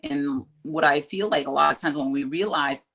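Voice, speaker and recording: A woman's voice: low voice, normal speed, gravelly, a bit bright, husky. A woman co-hosting a relationship podcast, speaking earnestly and thinking aloud in casual chat. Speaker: podcast co-host.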